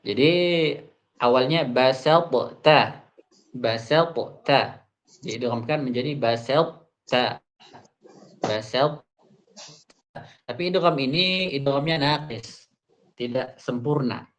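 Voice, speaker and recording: Man teaching Quran recitation rules. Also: medium pitch. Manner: reads Arabic lines then explains them, drawing out example words slowly. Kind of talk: tajwid lesson explaining a classical text.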